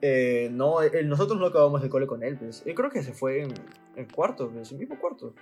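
A man's voice: medium pitch, big pitch swings, fairly quick, a little mellow, faint music behind. A young man chatting casually with friends, laughing often and retelling stories. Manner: laughs often, tells stories with acted quotes. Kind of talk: casual chat.

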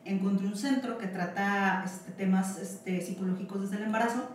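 A woman guest telling a candid personal story in a frank, halting way with many fillers. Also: mid-range voice, steady tone. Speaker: podcast guest. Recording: roomy, distant mic, faint noise.

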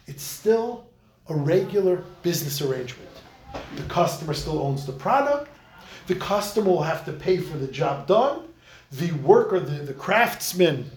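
A man teaching a Talmud class, emphatic, repeating key words for stress. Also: sits high. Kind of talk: Talmud lecture.

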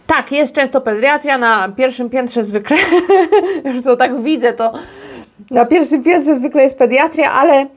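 A woman co-hosting a podcast, telling stories in a lively, casual way. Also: high-pitched, measured pace. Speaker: podcast co-host.

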